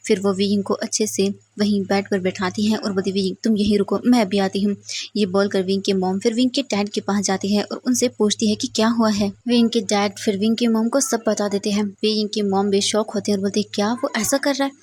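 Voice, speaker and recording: A woman narrating a fan fiction story in a steady, plain storytelling style. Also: mid-range voice, fairly quick, hardly any pauses, slightly rough, dry recording. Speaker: fanfiction storyteller.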